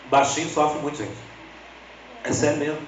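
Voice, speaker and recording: At a moderate pace, a lay preacher with a Brazilian Portuguese accent delivers a humorous storytelling sermon, chatting directly with the congregation and switching to lively high voices for quoted people. There's slight background noise, and he sounds slightly distant in an echoey church hall.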